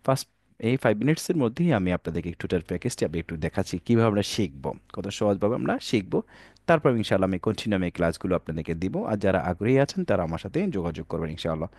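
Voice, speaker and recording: Lively low-voiced man teaching a Quran lesson. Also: dry recording. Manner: addresses viewers as dear brothers and sisters, calls out letters for them to repeat; mixes English words into his speech. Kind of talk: online Quran reading lesson.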